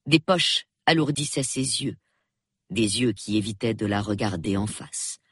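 A man reading a novel aloud as audiobook narrator, measured and expressive, close to the mic. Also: on the low side, breathy edge, dry recording. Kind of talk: scripted narration.

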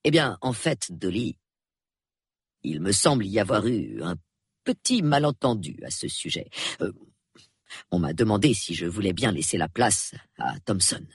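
Tired, evasive old colonel read by a man, low and soft, husky edge, hesitant pauses. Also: big pitch swings, no room sound, clean studio sound, exaggerated voice. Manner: hesitant, mumbling, falsely hearty. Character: weary older colonel, man, forced cheer. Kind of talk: audiobook character voice.

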